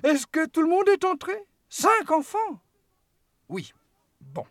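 A woman voicing a small, lively, mischievous male chocolate-maker in an audiobook, with gushing, theatrical welcomes that keep swooping up and down. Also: extremely high pitch, slow pace, no room sound, studio quality, exaggerated voice. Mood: welcoming. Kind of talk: audiobook character voice.

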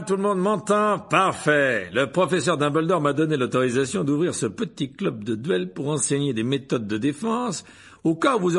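A man's voice: high-pitched, fairly bright tone, pitched above the performer's own voice, full character voice. A man doing a pompous vain wizard teacher. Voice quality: pompous, flustered throat clearing.

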